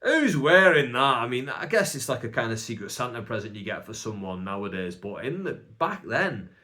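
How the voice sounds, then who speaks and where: A young man from Bolton, in England's north, rambles through a casual solo podcast as a stand-up comedian, mocking himself and leaning heavily on "like." His mid-range voice is very animated and sharp-toned, moving at a moderate pace.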